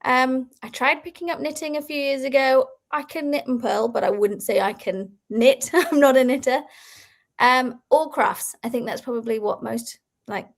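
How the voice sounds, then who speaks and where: A Belgian-raised crochet designer in her thirties, appearing as an interview guest, chats casually and laughs often. Her voice sits high and her speed is normal.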